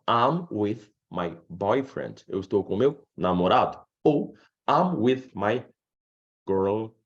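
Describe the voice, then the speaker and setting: Animated Brazilian man teaching English live. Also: fairly low pitch, husky, dull audio. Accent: Brazilian Portuguese. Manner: animated, acts out student questions. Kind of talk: live online English lesson.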